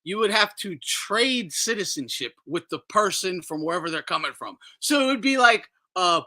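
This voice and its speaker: Host, male, bright raised voice, profane laughing rant. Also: high voice, animated, moderate pace. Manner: laughs often, swears freely. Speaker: boxing talk show host.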